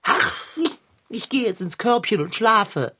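A woman's voice: mid-range voice, animated, a little slow, a bit bright, breathy edge. A woman voicing a pompous, gloomy talking male cat in an audio drama. He talks in a lofty, eloquent and condescending way.

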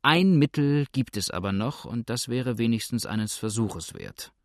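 A man voicing a calm, shrewd innkeeper who speaks in a dry, matter-of-fact way. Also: mid-range voice, unhurried, dry recording. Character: calm, shrewd male innkeeper, dryly indifferent.

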